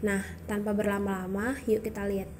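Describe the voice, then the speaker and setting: A woman's voice: mid-range voice, little pitch movement, a little fast, noisy background. A young woman presenting a student educational video, explaining patiently step by step and demonstrating sounds aloud.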